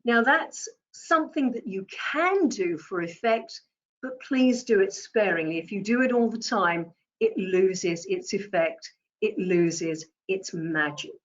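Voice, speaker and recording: A woman teaching presentation skills as a communication coach, deliberate and emphatic, stressing words differently to make her points. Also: mid-range voice, muffled recording.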